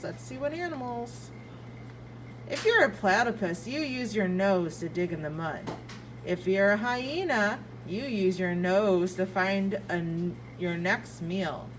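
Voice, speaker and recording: Like a preschool teacher, a woman reads aloud to young children in a playful, expressive way, stretching out key words and slipping in asides and questions. Her voice sits in the mid range, and there's noise in the background.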